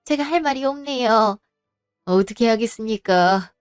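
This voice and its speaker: A woman voicing an older mother-in-law who apologizes humbly and gently for her son. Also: fairly high pitch, moderate pace, smooth, no room sound, studio quality, soft background music, close to an everyday voice. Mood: apologetic. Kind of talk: storybook voice acting.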